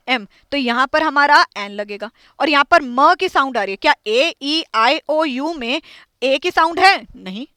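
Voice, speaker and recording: Bright high-voiced woman teaching grammar. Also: dry recording. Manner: quizzing students, repeating and drilling points. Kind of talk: classroom lesson.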